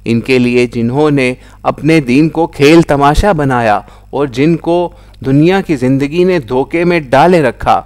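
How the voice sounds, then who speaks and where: A man reading a scripture translation aloud in a solemn, measured recitation, lifting his voice into raised declamation at the quoted cries. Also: mid-range voice, a little mellow. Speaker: Quran translation reader.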